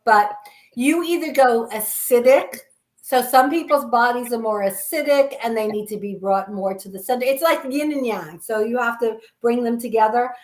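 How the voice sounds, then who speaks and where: A woman's voice: fairly high pitch, moderate pace, echoey room. A woman co-hosting a casual chat about products, explaining things and correcting her co-host in mock exasperation.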